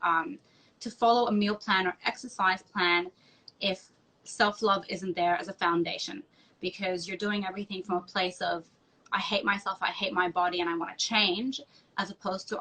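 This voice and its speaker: Bright-voiced chatty woman from Egypt. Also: on the low side. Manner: animated, chatty, frequent ums. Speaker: host. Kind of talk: casual podcast conversation.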